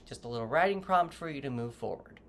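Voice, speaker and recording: Talking fast and animatedly in a medium-pitched voice, a tarot reader rambles through a casual reading to camera. They often correct themself while gently advising the viewer face to face. There is slight background noise.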